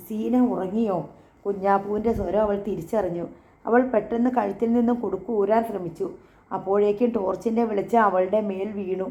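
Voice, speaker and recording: A woman narrates an audiobook with steady, earnest storytelling. Her voice is dark and mellow, and it carries a noticeable room echo. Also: mid-range voice. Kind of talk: scripted audiobook narration with character dialogue.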